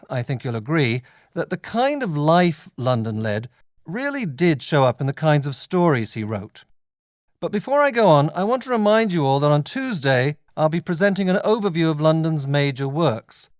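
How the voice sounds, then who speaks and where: A man performing as a scholarly male literature lecturer with a slightly raised pitch. He explains things in deliberate, measured phrases, as in a scripted academic lecture. The sound is dry, with little room echo.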